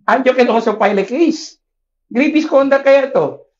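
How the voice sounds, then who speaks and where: A male lawyer on a talk panel explains legal points and cites statutes. His voice sits high. The recording is muffled and lo-fi, with a narrow sound. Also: normal speed. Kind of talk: legal commentary in casual talk. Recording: dull lo-fi sound.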